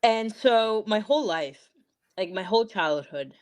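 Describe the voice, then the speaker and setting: A woman's voice: medium pitch, expressive, unhurried. A young woman from Peru, talking as a podcast guest in a chatty, emphatic way, full of likes and literallys. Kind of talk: casual interview chat.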